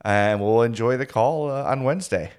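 A man's voice: medium pitch, moderate pace, darkish tone, clean tone. An American man hosting a sports talk show in a casual, conversational style.

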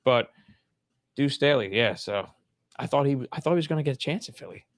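A man's voice: mid-range voice, expressive, a little fast, dry recording, studio quality. A man hosting a casual live-streamed sports podcast, chatting informally with his buddies.

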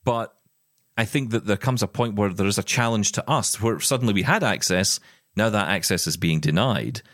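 A middle-aged man co-hosts a podcast, talking casually but with passion and emphasis, restarting often. His voice is fairly low and fairly bright at normal speed, captured in a dry, studio-quality recording.

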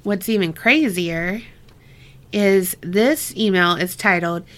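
A woman's voice: fairly low pitch, takes it slowly. Laughing, foul-mouthed woman podcast co-host. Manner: laughs often, swears freely, animated reactions. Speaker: podcast co-host reading listener stories. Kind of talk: casual chat and reading aloud.

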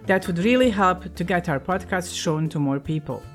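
A woman's voice: fairly low pitch, animated, normal speed, soft background music. A woman co-hosting a podcast, speaking briefly and matter-of-factly. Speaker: podcast co-host. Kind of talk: casual podcast chat.

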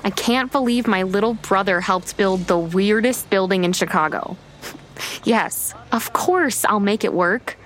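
An actress playing an anxious, uptight young American bride-to-be and affectionate big sister in a naturalistic audio drama. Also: female voice, mid-range voice, unhurried, a little hiss or hum, lightly acted. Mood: warm, proud. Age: young adult. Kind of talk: scripted audio drama, naturalistic dialogue and narration.

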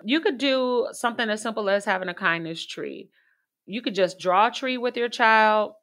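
Middle-aged woman guest, bright voice, easy conversational advice with fillers. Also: mid-range voice. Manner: warm storytelling with light laughs, many fillers. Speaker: parenting expert guest.

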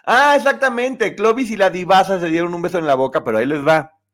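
Chatty opinionated man. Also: quick pace. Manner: chatty, opinionated, lively pitch swings. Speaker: live show host. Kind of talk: casual live commentary reading chat.

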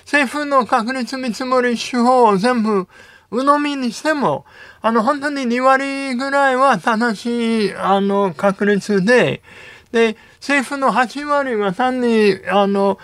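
A male seismologist whose first language is English, speaking in a nasal voice with air escaping through the nose, slow and halting with many fillers. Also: very high voice, a bit bright, no echo. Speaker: guest seismologist. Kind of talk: radio interview.

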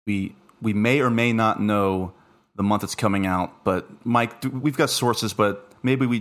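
A man's voice: lowish voice, a bit bright. A man hosting a casual podcast chat, joking and self-deprecating. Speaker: podcast host.

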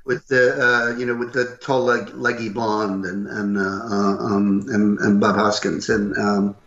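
Gruff older man in a roomy room. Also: fairly low pitch, measured pace. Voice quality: loud, gruff voice. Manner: animated, acts out what others said. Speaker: voice actor guest. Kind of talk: interview storytelling. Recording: roomy, slightly dull recording.

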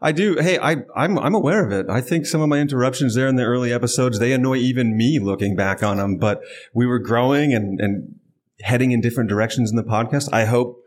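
A man's voice: medium pitch, fast. A man with a mid-range voice co-hosts a live podcast, upbeat and chatty. He plugs the show eagerly and jokes back with his co-host in a playfully defensive way. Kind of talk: casual live podcast banter. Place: brewery venue before a live audience.

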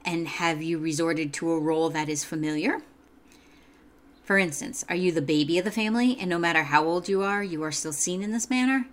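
A woman with a fairly low voice reads her own self-help writing aloud. She is calm and measured, and her tone is earnest and reflective throughout.

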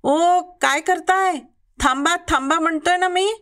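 A woman doing a shouting storybook uncle. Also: high-pitched. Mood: protesting. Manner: shouting, slow and drawn out. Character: society chairman uncle, worried adult man.

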